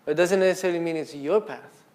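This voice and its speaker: A man's voice: fairly high pitch, quick pace, darkish tone. Easygoing man telling a dharma story. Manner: casual and conversational, filler-heavy, acts out quotes. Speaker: speaker at a Buddhist centre. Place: indoor Buddhist centre talk.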